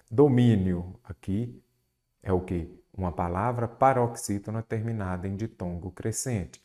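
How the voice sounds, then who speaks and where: In this exam-prep lesson, a male Brazilian Portuguese teacher solves questions out loud, asking and answering them himself. He has a lowish, slightly mellow voice, drawing out important words and going back to a mnemonic again and again.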